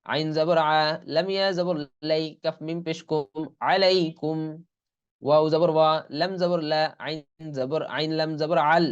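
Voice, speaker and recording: A man's voice: a little high, fairly even intonation, smooth, highs cut off. A man teaching an online Quran reading lesson. He spells out letters and vowels one by one, then draws out each whole word. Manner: slow, deliberate letter-by-letter spelling, then drawing out whole words. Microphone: online class recording.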